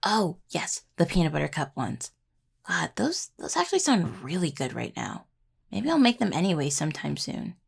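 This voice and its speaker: Playful and chatty, this young woman voices an anxious, sweet necromancer healing student in intimate roleplay audio. Her creaky, gravelly voice is fairly low with big pitch swings, heavily acted, at a moderate pace, and her delivery stays hesitant, rambling and casual.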